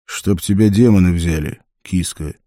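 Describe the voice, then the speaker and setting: A man voicing a gruff, fearless male barbarian warrior in an audiobook, speaking bluntly and tersely. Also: deep voice, normal speed, mellow, dry recording, clean studio sound, lightly acted. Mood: irritated.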